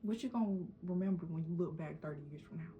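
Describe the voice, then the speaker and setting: A woman's voice: on the low side, quick pace, narrow, tinny audio, slight background noise. A young woman giving a casual, encouraging pep talk in a vlog, with a runny nose. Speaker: vlogger.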